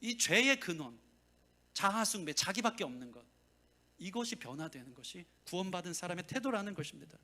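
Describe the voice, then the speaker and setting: A man preaching with a high, bright voice that rises and falls a lot. He tells a family story as he goes and acts out the voices of the people in it. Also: big pitch swings, fairly quick. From South Korea. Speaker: pastor. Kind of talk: sermon.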